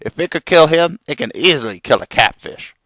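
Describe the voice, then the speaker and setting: A man playing a calm, helpful river fisherman giving advice in an amateur comic drama. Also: on the high side, a little fast, dry recording, poor audio. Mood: advising.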